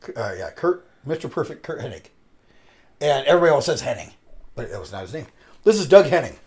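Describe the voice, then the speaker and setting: A man's voice: mid-range voice, quick pace. A man hosting a podcast, talking casually with a rambling, filler-filled delivery. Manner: rambling, filler-heavy, animated. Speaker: podcast host. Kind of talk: casual chat.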